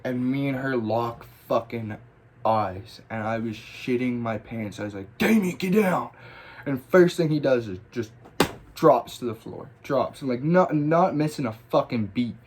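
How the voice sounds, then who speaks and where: A man's voice: mid-range voice, a little slow, a little hiss or hum. A man telling a personal story in casual, rambling style, with lots of swearing and restarts. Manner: profane, rambling, animated retelling. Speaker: graffiti storyteller.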